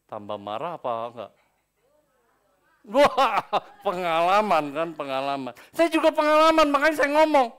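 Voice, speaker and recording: A man preaching a sermon in a church service, acting out quoted people and swinging between low asides and loud exclamations. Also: very animated, normal speed, clear, resonant tone. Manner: playful, acts out quoted people. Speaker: pastor.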